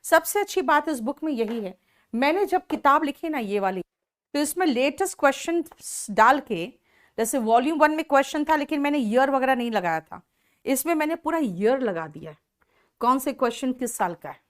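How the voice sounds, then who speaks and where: A woman teaching an online English class, explaining slowly in Hindi mixed with English and praising students by name. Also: high-pitched, animated.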